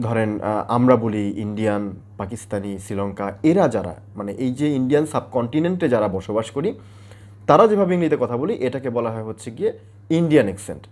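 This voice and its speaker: Bangladeshi male IELTS tutor, mid pitch, animated intonation, explanatory lesson style, hesitant fillers. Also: brisk. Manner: explains step by step, with frequent "ah" fillers.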